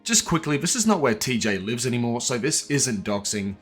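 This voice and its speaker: A man's voice: mid-range voice, very animated, a little fast, breathy edge, faint music behind. A man narrating a scripted exposé in a casual, blunt and profane manner, with sardonic asides aimed directly at the person he is exposing. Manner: sardonic, addresses his target directly.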